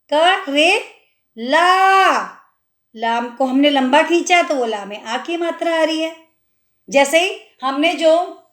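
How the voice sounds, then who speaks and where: A woman's voice: high-pitched, a bit bright. A woman Hindi teacher giving a children's lesson, drawing words out syllable by syllable and patiently explaining, asking the viewer questions as she goes. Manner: drawn-out syllable-by-syllable pronunciation of words. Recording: echoey room.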